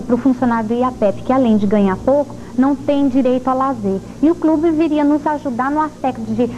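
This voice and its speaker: A woman's voice: high-pitched, mellow. A woman answering a TV news interview as an association president, firm and assertive, heard from an old VHS tape. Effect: old VHS tape recording. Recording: dull lo-fi old VHS tape with faint hiss.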